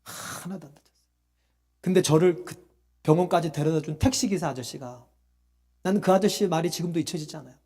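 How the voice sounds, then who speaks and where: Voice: medium pitch, brisk, long pauses, mellow. A pastor delivering a sermon emphatically, asking the congregation rhetorical questions and calling out hallelujah. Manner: frequent calls of hallelujah and direct address to listeners.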